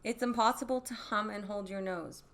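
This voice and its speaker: A woman co-hosts a casual podcast chat, reading out trivia in a mid-range voice at a moderate pace. She is animated and giggles often, with a little hiss or hum in the recording.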